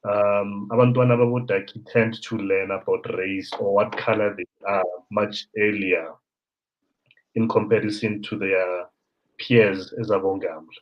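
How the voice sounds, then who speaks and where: A South African man in his thirties hosting a casual conversation, an animated storyteller who mixes in local words. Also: fairly low pitch, a little slow. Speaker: host. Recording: dull lo-fi sound.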